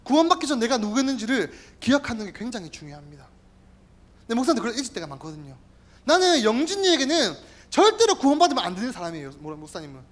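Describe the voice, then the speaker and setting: Earnest male pastor with lively pitch. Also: fast. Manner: earnest, exhorting, repeatedly addresses the listeners. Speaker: youth group pastor. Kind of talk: sermon. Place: church. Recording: instrumental music playing behind.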